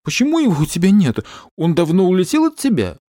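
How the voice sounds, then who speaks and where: A man's voice: sits high, wildly swooping pitch, fast, mellow, no room sound, clean studio sound, voice pushed up. A man reading aloud and voicing an anxious, emotional young woman who pleads and frets. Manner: pleading, tearful.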